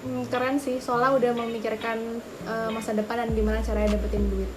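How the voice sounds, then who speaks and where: A woman's voice: fairly high pitch, flat delivery, fast, low-quality recording. A twenty-one-year-old woman student giving short, hesitant interview answers. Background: background music.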